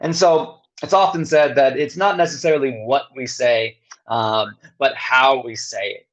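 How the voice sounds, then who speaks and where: A man giving a recorded lecture, speaking slowly with long pauses and frequent fillers. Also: medium pitch, fairly even intonation, poor audio. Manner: slow, pausing delivery with many fillers.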